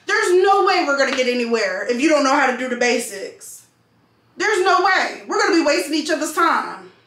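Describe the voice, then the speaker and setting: Lady ranting casually, high voice, repeats stuff for emphasis, roomy echo. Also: very animated, brisk, fairly bright tone, a little hiss or hum. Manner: emphatic, repeats phrases for stress. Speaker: vlogger and call center customer service worker. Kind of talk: casual venting to camera. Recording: echoey room.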